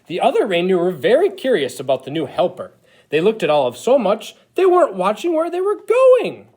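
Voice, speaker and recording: An eager, childlike Christmas elf played by a man reads a storybook aloud to children. The delivery is exaggerated and expressive, with pitch that swings widely from phrase to phrase. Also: fairly quick, breathy edge, heavily acted. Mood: eager storytelling. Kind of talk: animated picture-book read-aloud.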